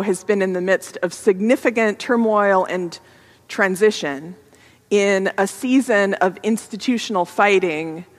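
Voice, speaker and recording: A woman's voice: medium pitch, in a large hall. A woman pastor giving a sermon in a reflective, conversational way, in a church sanctuary.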